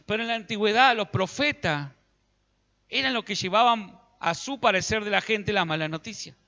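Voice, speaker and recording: A man's voice: high-pitched, moderate pace, pushed and bright, big-room sound, highs cut off. A man with an Argentine Spanish accent, preaching a sermon as pastor and acting out biblical dialogue in everyday speech. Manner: preaching, acts out biblical dialogue in colloquial voices.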